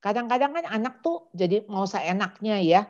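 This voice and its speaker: A woman's voice: mid-range voice, expressive, moderate pace, darkish tone, faint music behind. A woman giving a parenting seminar talk, acting out parent-child dialogues. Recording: dull lo-fi recording.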